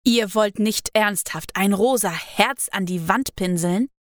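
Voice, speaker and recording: Bossy karate teacher, read by a woman; slow, outraged, dry. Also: medium pitch, no echo, natural voice. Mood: indignant. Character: gruff male karate teacher, bossy and scornful.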